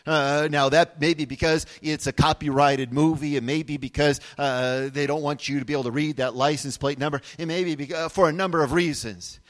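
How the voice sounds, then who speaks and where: Higher-voiced man preaching a relaxed sermon. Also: brisk, hardly any pauses, big-room sound. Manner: conversational, with frequent restarts and asides to the congregation. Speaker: pastor.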